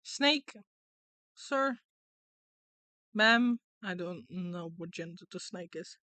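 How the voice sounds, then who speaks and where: A woman's voice: on the low side, lively intonation, slow, pushed and bright, dry recording. A woman streamer giving casual game commentary and reading story narration aloud with dramatic flair.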